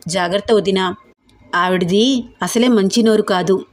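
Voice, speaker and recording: A woman voicing a frank, lively young woman who reassures her sister-in-law. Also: mid-range voice, unhurried, lightly acted.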